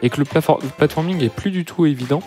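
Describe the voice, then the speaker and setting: A man's voice: on the high side, quick pace, mellow, faint music behind. Joking male speedrun commentator. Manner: explains game rules with dry jokes. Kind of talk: live game commentary.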